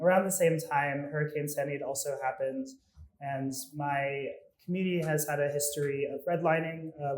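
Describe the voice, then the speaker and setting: Young guy from new jersey, flat even voice, earnest, echoey room. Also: mid-range voice. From New Jersey, United States. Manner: earnest, steady, a few ums. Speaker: panelist. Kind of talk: panel discussion.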